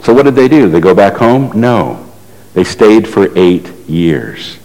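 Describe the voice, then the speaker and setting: A man's voice: fairly low pitch, animated, a little slow, darkish tone. A man preaching a sermon, telling a story in a conversational way and asking the congregation rhetorical questions. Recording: echoey hall reverb.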